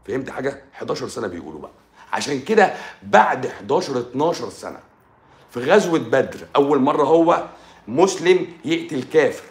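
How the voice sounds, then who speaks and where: An Egyptian man preaches quickly and animatedly, his pitch swinging up and down as he keeps turning to the listener. He repeats his phrases for emphasis. The room around him sounds echoey. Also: very animated. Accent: Egyptian Arabic. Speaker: religious speaker. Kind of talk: live stream religious talk.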